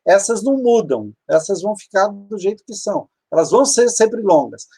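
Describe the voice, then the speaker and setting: A man teaching grammar in a live online class, with a fairly high voice for a man. He talks patiently and methodically, repeating each term and pointing things out on screen as he goes. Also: sing-song, normal speed, darkish tone, breathy edge. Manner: patient, explanatory, repeats terms, walks through slides. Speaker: Hebrew teacher.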